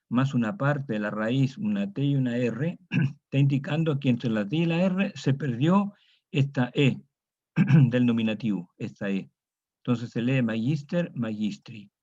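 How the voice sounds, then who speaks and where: A man's voice: medium pitch, a little slow, warm tone. Patient man teaching Latin grammar. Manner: patient, drills students on declensions, frequent "¿ah?". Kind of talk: classroom grammar lesson. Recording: dull lo-fi recording.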